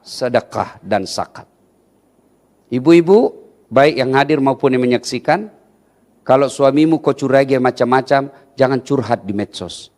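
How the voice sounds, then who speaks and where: A male preacher giving a humorous sermon, telling stories with animated energy and acting out the dialogues. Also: medium pitch. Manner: animated storytelling, acts out dialogues.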